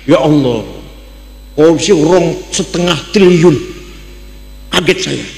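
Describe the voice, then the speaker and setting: An older man with a Javanese accent giving a religious lecture, asking his listeners questions and switching between loud exclamations and dry jokes. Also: fairly high pitch, takes it slowly, gravelly. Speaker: Islamic cleric giving a talk. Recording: echoey hall with long reverb.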